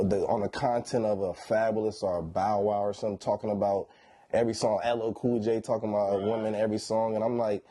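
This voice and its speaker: Low, mellow, stoned man. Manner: stoned, laid-back slangy drawl with frequent "you know what I'm saying". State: high on weed. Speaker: R&B singer being interviewed. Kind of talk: casual interview chat.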